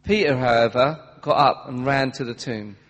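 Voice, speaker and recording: A man reading a Bible passage aloud to a church congregation, steady and careful. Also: mid-range voice, normal speed. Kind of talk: scripture reading. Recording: long hall reverb.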